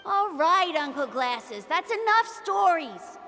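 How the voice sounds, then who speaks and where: Very high-pitched, bossy village kid. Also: female voice, sing-song, slow pace, bright, forceful tone, long reverb tail, faint music behind, heavily acted. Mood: impatient, eager. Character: bossy, eager young village child. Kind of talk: video game voice acting.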